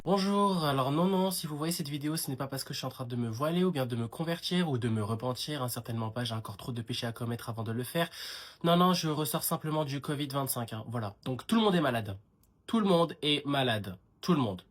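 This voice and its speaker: A young man doing comic sketches and ranting in an animated, sarcastic way. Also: mid-range voice, quick pace. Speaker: comedy creator.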